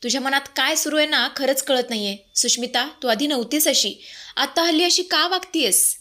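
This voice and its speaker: A woman's voice: sits high, a little fast, pushed and bright, pitched above the performer's own voice. A woman voicing a stern elder sister who scolds her younger sister. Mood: reproachful.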